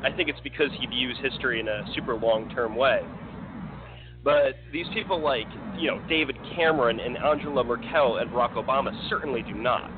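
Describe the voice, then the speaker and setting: A man's voice: medium pitch, brisk. A man in casual political chat, rambling with restarts and fillers. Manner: rambling, many restarts and fillers, laughs often. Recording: tinny phone-like line with faint noise.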